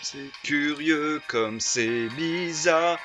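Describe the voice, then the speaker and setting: A man singing as a prim, bright-voiced lady. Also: on the high side, very slow, soft background music, voice pushed down, exaggerated voice. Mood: mock-polite. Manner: sings stiff formal lines to a show tune. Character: prim married woman in an absurd play. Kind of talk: sung comic parody of theatre lines.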